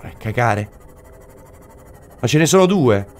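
A man's voice: medium pitch, very animated, takes it slowly, a little hiss or hum. A man commentating his own video game play, exclaiming and repeating short phrases over and over. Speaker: gaming commentator.

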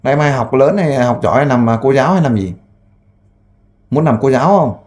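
A man who works as a volunteer interviewer. He asks gentle, coaxing questions and makes an earnest appeal with frequent fillers. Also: medium pitch, animated, fairly quick. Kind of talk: on-the-spot interview and appeal to camera.

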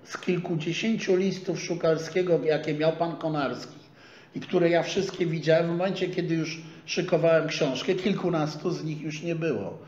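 Older prof talking, kinda high voice, echoey room, muffled far camera sound. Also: male voice, fairly even intonation, a little mellow. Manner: measured, scholarly, digressive. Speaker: lecturer. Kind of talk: academic lecture. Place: small lecture room with a projector screen. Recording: echoey room, dull sound, faint hiss.

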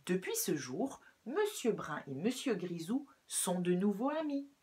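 A woman reads a children's story aloud in an unhurried, breathy voice. Her pitch rises and falls in a lively way, keeping young listeners hooked. She tells it gently and clearly.

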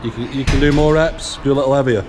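Gruff northern English gym coach. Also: male voice, medium pitch, steady tone, quick pace, background noise. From England. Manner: barking short commands and rep counts. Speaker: gym coach filming a workout. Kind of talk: coaching during a workout. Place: large indoor gym. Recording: music playing over the gym.

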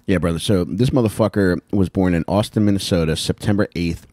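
A man's voice: low-pitched, brisk, warm tone, no echo, clean studio sound. A man co-hosting a podcast, joking and cursing as he tells the story. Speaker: podcast co-host. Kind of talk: casual chat.

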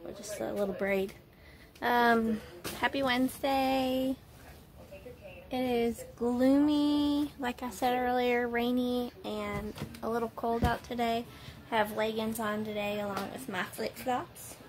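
Against a noisy background, a woman with a fairly high voice chats casually to a phone held at arm's length, moving between her home kitchen and a parked car. The vlogger sounds congested, a little nasal and tired, rambling with lots of fillers.

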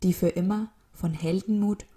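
A woman narrating a short children's story in a calm, even reading manner. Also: mid-range voice, moderate pace.

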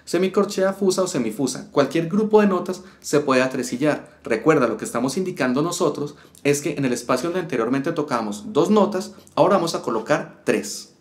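A man's voice: a little high, lively intonation, brisk, few pauses. A man teaching a step-by-step guitar lesson, explaining rhythm and counting syllables aloud. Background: guitar playing.

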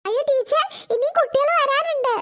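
Very high squeaky little cartoon schoolgirls, chattering and giggly. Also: fairly quick, fairly bright tone. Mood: worried. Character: chattering young schoolgirls, cheeky and gossipy. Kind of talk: cartoon voice acting.

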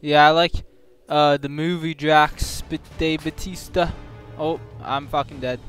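A man's voice: on the high side, level tone, a little slow, a bit bright, clean tone. A man giving casual gameplay commentary as a streamer, muttering sweary reactions. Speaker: video game streamer. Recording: game music behind.

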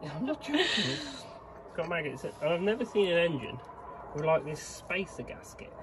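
With a slightly high, very animated voice at normal speed, a vlogger mechanic in his twenties talks over a noisy background. He's outside at night by an old digger stripping an engine, thinking aloud and chatting cheekily for a camera close by.

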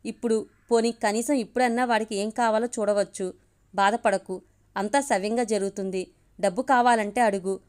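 A woman voicing a caring young woman in a storybook reading, gentle and soothing in manner. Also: fairly high pitch, a little fast, natural voice.

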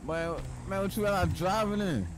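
A man's voice: high-pitched, normal speed, slight background noise. A man talking in blunt, clipped slang in a casual roleplay game chat. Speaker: roleplay player.

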